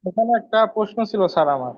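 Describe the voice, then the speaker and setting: A man's voice: sits high, expressive, fast, muffled recording. A man who is a student in an online class asks his teacher questions politely.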